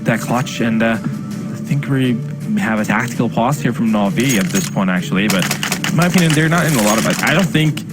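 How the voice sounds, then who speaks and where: A man's voice: medium pitch, lively intonation, fairly quick, over loud music. A man co-casting an esports match with analytical commentary, over game sounds. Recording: loud game audio behind voice.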